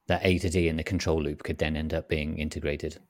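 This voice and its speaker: A man's voice: extremely low pitch, little pitch movement, fast talker. A man hosting a technical interview, summarizing with brief prompts. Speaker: interviewer host.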